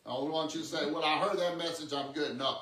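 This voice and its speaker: A man in his sixties, a pastor, delivers a conversational teaching sermon, his voice a little high, quick and slightly bright. He repeats words often and checks in with "amen" and "okay." The room echoes and the microphone sits at a distance.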